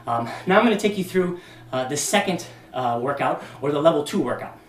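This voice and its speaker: Expressive and brisk, this slightly high-voiced man runs through exercise demonstrations casually, peppered with ums and a bit short of breath. He's recorded from far off, leaving room echo and a faint background noise.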